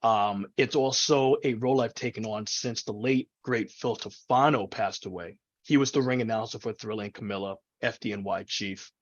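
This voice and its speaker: A man from New York City talking casually as an interview guest, telling stories in an animated way over a video call. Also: fairly low pitch, normal speed, few pauses. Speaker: ring announcer and event MC, interview guest. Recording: dull, lo-fi video call audio.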